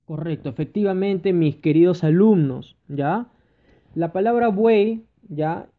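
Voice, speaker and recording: A male teacher with a high voice explains grammar exercises patiently, pausing often to check that his students follow. The sound is thin and tinny, like a phone line. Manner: addresses students fondly, checks understanding with repeated "ya". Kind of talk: recorded grammar lesson.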